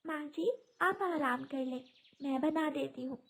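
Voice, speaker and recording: A woman's voice: sits high, measured pace, creaky, slight background noise, voice pushed up. Woman doing a meek young sparrow bride. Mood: pleading. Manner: pleading, timid.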